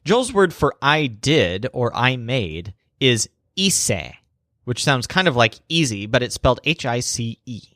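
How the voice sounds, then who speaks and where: A man teaching a language lesson, telling a mnemonic story in animated scripted narration and spelling words out. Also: medium pitch, moderate pace, dry recording, studio quality.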